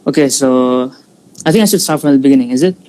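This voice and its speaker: Over a live stream, a young Indonesian man in his twenties, a student, tells his story casually but haltingly, with many fillers and restarts. His mid-range voice is a little mellow, and the recording is rough.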